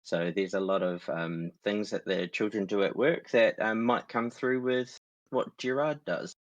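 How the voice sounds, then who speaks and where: A man with a very deep voice gives a plain, slightly hesitant introduction. The sound is dull and dry. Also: measured pace, no echo. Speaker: player, early childhood educator. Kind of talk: casual self-introduction.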